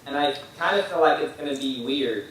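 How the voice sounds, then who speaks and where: A man's voice: mid-range voice, fairly quick, heavy reverb, recorded from a distance, heavy background noise. A man in a casual chat, asking direct questions and giving feedback.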